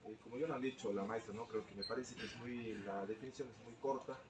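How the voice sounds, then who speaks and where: A man's voice: mid-range voice, fairly even intonation, quick pace, recorded from a distance, background noise. Man teacher talking in a roomy room. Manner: explanatory, often ends phrases with a tag question. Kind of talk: speaking up in a teacher training session.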